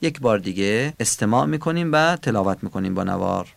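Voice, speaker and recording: A man with a gravelly, creaky voice gives a calm Quran recitation lesson. He explains how each sound should be pronounced, then says the example words slowly and drawn out. His voice sounds close and dry. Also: fairly low pitch, no echo.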